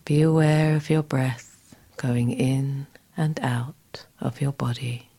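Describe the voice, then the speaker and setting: A woman guiding a scripted relaxation exercise in a soft, soothing, breathy, near-whispered voice. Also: a bass voice, fairly even intonation, takes it slowly. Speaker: relaxation guide.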